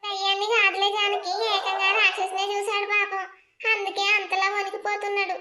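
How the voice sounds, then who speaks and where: A woman's voice: very high voice, completely flat delivery, fairly quick, pushed and bright. A woman voicing a gossipy, meddling middle-aged neighbor woman in a cartoon, sly and mocking. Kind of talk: cartoon voice acting.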